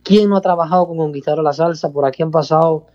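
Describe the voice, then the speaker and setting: Cuban bandleader, warm dull-toned voice. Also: male voice, fairly high pitch, fast talker. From Cuba. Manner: expansive, repeats himself, calls host "hermano". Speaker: salsa bandleader guest. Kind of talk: casual radio interview.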